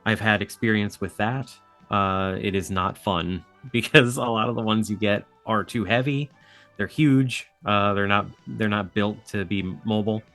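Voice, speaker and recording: A man's voice: fairly low pitch, steady tone, measured pace, fairly bright tone, soft background music. A man speaking as a podcast guest, explaining things in an easygoing, casual way. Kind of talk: casual chat.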